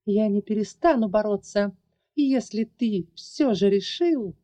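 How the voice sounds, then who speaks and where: A woman voicing a fierce young dragoness who defends orphans, accusing and high-strung. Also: unhurried, mellow, dull audio, close to an everyday voice. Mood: furious. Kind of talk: audiobook character voice.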